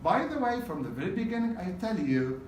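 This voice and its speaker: A man's voice: high-pitched, sing-song, a little fast, a little hiss or hum. A man teaching a test-prep class in a casual lecture style, often checking in with "okay?" and repeating key points. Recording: roomy classroom from a distance.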